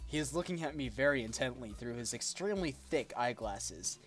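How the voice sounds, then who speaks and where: A man's voice: medium pitch, expressive, fairly quick, fairly bright tone, soft background music. A man streaming, casually reading a visual novel aloud and correcting his slips as he goes.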